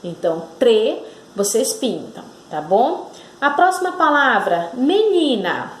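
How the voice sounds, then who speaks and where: A woman teaching a children's lesson on syllables, drawing out and stressing each word slowly. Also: on the high side, sing-song, roomy sound. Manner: slow and drawn out, stressing syllables.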